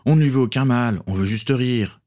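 A man voicing a loud, teasing adult male pirate sailor in a storybook reading. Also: medium pitch, moderate pace, pitched above the performer's own voice, close to an everyday voice.

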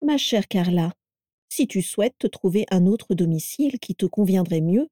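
Brief: breezy, unflappable old matriarch, mellow and dry, read by a woman. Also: mid-range voice, expressive, moderate pace, dry recording, lightly acted. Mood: placid. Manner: placid, breezy, gently mocking. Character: cheerful, self-assured elderly mother who keeps strange animals.

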